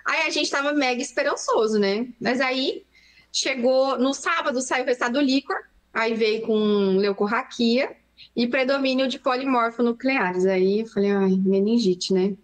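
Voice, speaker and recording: A young adult Brazilian woman, a pediatrician, recounting a frightening story in an interview with fast, emotional narration. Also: high-pitched. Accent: Brazilian Portuguese. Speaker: pediatrician guest.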